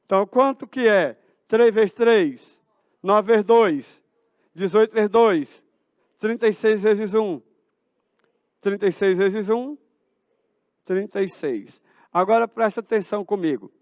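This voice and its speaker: High-voiced Brazilian math teacher quizzing class. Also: male voice, takes it slowly, long pauses, smooth, dry recording, muffled recording. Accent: Brazilian Portuguese. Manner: asks the class questions and answers them himself. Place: school auditorium.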